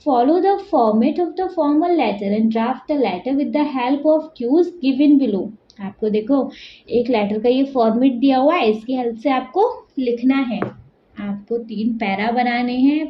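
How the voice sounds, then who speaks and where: A woman with an Indian accent teaching a school lesson, reading English slowly and explaining quickly in Hindi. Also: sits high, echoey room, dull audio, slight background noise.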